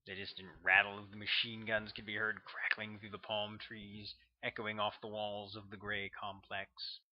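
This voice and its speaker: Reading his own novel aloud for an audiobook, a man with a fairly low voice keeps his storytelling steady and measured. There's no echo, though the recording is slightly muffled.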